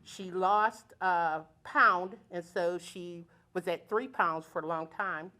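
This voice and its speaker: A woman telling a personal story at a live storytelling event, colloquial and lively, acting out the voices of the people in it. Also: fairly low pitch, slow pace.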